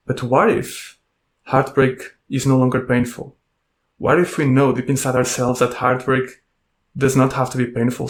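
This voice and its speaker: A man in the middle of his range talks through a reflective self-help monologue. He stays gentle and calm, stringing together rhetorical questions. His intonation barely moves, keeping an even, level line. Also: mid-range voice. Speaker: podcast host and coach.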